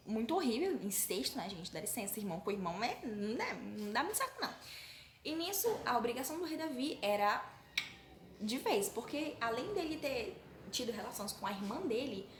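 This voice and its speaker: A young woman with a Brazilian accent casually retelling a Bible story to her viewers, chatty with frequent fillers. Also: on the high side. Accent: Brazilian Portuguese. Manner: chatty, addresses viewers as "gente", hesitant fillers. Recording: roomy recording with faint noise.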